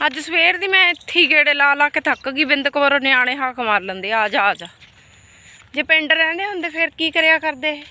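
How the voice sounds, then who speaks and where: Bright, high-pitched rural Punjabi woman. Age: adult, mother of a child. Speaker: vlogger. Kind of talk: casual chat to camera and family during farm chores. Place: outdoors on a farm.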